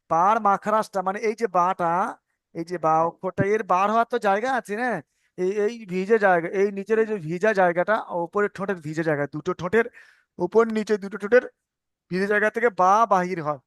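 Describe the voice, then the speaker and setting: A male tajweed teacher walks students through the letters, saying each sound again and again and checking that they follow. His voice is high and smooth. It sits close and dry on the mic. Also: a bit bright, no room sound. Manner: patient, repeats sounds and asks if understood. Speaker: Quran reading teacher. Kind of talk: online tajweed lesson.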